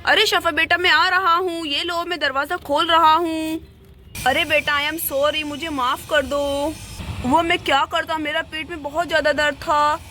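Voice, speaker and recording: A woman's voice: sits high, fairly even intonation, a little slow, sharp tone, soft background music. A woman voicing a flustered, apologetic father and henpecked husband in a doll play, pleading with his family.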